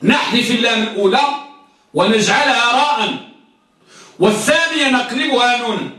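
A man's voice: very high-pitched, moderate pace, sharp tone, far from the mic. A man teaching a grammar class, quizzing his students and repeating each point until it sticks. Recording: echoey classroom recorded from afar.

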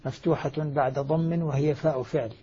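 A middle-aged male scholar explains recitation rules at a rapid clip, leaning hard on each example word. His voice is mellow and husky. The audio is muffled and lo-fi. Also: fairly even intonation. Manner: emphatic, stresses quoted words with rising pitch. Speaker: Quranic recitation scholar teaching.

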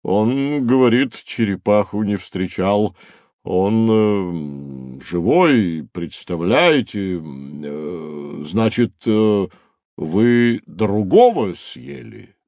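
A man's voice: fairly low pitch, expressive, a little mellow, no echo, clean studio sound, full character voice. A man voicing a timid, fretful rhinoceros who sighs and mumbles anxiously in an audio drama. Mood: nervous mumbling. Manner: slow, sighing, anxious mumbling.

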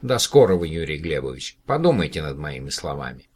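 A man's voice: a bass voice, sing-song, fairly quick, breathy edge, exaggerated voice. A man playing a pompous elderly professor who talks down to his student with irony in an audiobook. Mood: ironic. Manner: sarcastic, condescending.

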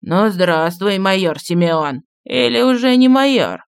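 Мужчина-чтец аудиокниги озвучивает старого маршала в отставке, неторопливого и ворчливого, который вспоминает былое. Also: male voice, expressive, creaky, clear, resonant tone, no room sound, studio quality, exaggerated voice. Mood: reminiscing. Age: older. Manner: slow, low, grumbling reminiscence. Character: old retired marshal, gruff, nostalgic, secretive.

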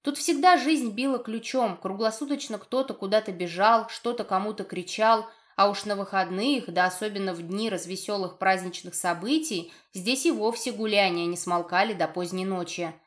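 A woman narrating a fantasy novel in the first person, in a lively, ironic storytelling tone. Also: mid-range voice, normal speed, hardly any pauses. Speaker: audiobook narrator.

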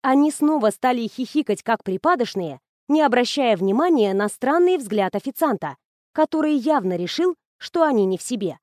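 A woman reading an audiobook in an expressive storytelling manner, close to the mic. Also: on the high side, normal speed, dry recording. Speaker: audiobook narrator. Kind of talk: scripted audiobook narration.

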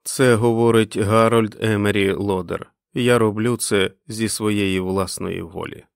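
A man doing a calm, grim radio caller. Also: fairly low pitch, creaky, dry recording, clean studio sound. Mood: grimly calm. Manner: firm, quiet, deliberate.

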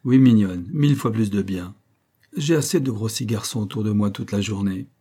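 A man doing a courteous, gentle young gentleman. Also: lowish voice, normal speed, close to an everyday voice.

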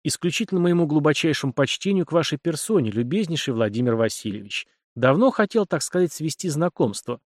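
A man's voice: fairly high pitch, expressive, brisk, few pauses, no room sound, studio quality, voice pushed up. A man voicing a smug, overly polite young officer in a storybook reading, flowery and ingratiating.

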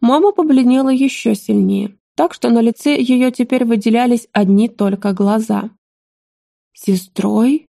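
A woman narrating an audiobook with a mellow, warm timbre. Her reading is even and measured, recorded close and dry with no room echo. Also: fairly high pitch, vocal fry. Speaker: audiobook reader.

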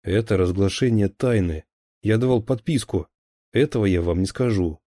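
A man's voice: on the low side, normal speed, mellow, no room sound, lightly acted. A man voicing a tense captured male security officer who gives clipped, defensive answers under interrogation.

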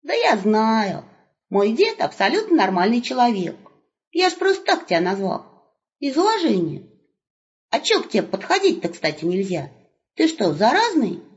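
A woman voicing a brash, tactless young wolf who talks in excited slang, on a muffled recording. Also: fairly high pitch, moderate pace, voice pushed up. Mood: cheeky.

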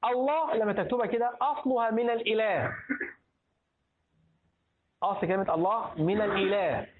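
A man with a fairly high voice and an Egyptian Arabic accent gives a religious lesson to a class, asking students questions and prompting them to finish his sentences. The sound is thin and tinny, like a phone line. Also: fairly quick, a little hiss or hum. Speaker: religious teacher.

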